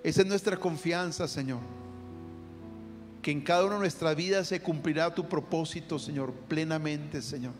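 Speaking at a moderate pace in a voice on the high side, a prayer leader offers a fervent prayer, crying out to the Lord nearly every phrase. Soft guitar plays in the background, and the recording echoes with long hall reverb.

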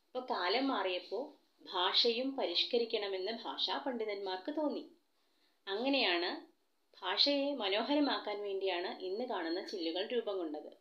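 A woman's voice: mid-range voice, moderate pace, a bit bright, muffled recording. A woman teacher with a Malayali accent giving a children's alphabet lesson, coaxing her young pupils with questions. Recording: echoey room.

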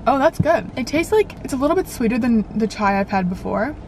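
In this rough recording with a little hiss or hum, a young adult woman talks briskly and expressively in a fairly high, slightly mellow voice. She's sitting in a parked car reviewing coffee shops for a dashboard camera, vlogging casually with lots of filler words.

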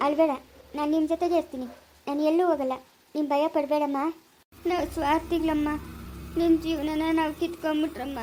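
A loving young daughter, played by a young woman in a family drama, who comforts and reassures her parents. She speaks in a very high voice, gently repeating herself. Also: a little hiss or hum, close to an everyday voice, low-quality recording. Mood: reassuring. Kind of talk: family short drama acting.

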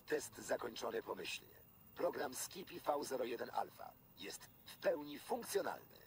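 An actor voicing a talking smart gun with a gravelly, flat machine-like manner in a video game, with faint noise behind. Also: male voice, medium pitch, normal speed. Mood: deadpan. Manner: monotone machine-like delivery, repeats louder.

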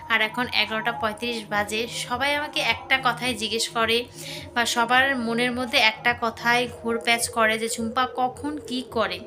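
A woman vlogging casually on a handheld phone, chatting straight to her viewers as friends. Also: fairly high pitch. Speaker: lifestyle vlogger. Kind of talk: casual vlog narration. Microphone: handheld phone camera.

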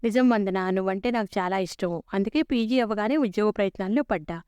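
A woman's voice: medium pitch, brisk, a little mellow, smooth, no room sound, dull audio, close to an everyday voice. A woman voicing an earnest young man who eagerly pleads his love in a read-aloud story. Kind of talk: storybook character reading.

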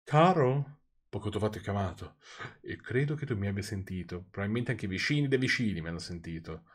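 A man's voice: fairly low pitch, animated, a little fast, husky. A man voicing a demanding, indignant wife as he reads a story aloud. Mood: reproachful. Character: demanding wife in a wheelchair, shrill.

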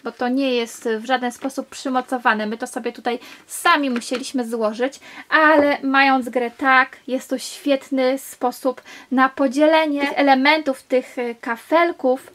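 A woman's voice: sits high, steady tone, a little slow, a bit bright. A woman reviewing a children's board game on video, explaining enthusiastically step by step as she handles the pieces.

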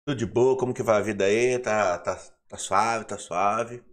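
A man's voice: fairly low pitch, fairly even intonation, moderate pace. A young Brazilian man teaching a casual live online class, playful and chatty, greeting viewers by name, sounding sleepy. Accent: Brazilian Portuguese.

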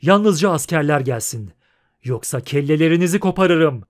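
A man voicing a wounded male cavalryman who shouts harsh orders at a crowd in an audiobook. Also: a little high, expressive, normal speed, natural voice. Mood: furious.

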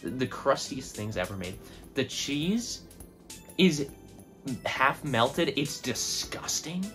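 A man's voice: medium pitch, takes it slowly, soft background music. A man giving an opinionated food rant as a vlogger. He talks emphatically and keeps tagging his points with "right?" and "okay?". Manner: emphatic, animated, tags lines with "right?" and "okay?".

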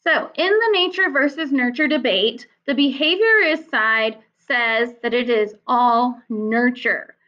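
High-voiced woman teaching a lecture. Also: measured pace, few pauses. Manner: explanatory, conversational with fillers. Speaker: psychology teacher. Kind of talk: recorded lecture. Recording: slightly dull lo-fi sound.

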